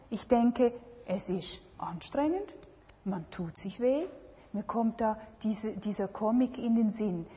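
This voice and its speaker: Husky woman speaking in a reverberant hall. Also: medium pitch. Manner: reflective, asks many questions. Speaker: speaker on marriage and relationships. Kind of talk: talk to an audience.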